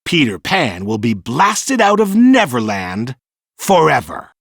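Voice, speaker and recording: A man's voice: medium pitch, wildly swooping pitch, takes it slowly, gravelly, no echo, clean studio sound, exaggerated voice. A man voicing a sly, gloating pirate captain in a storybook, with drawling, mock-courteous menace.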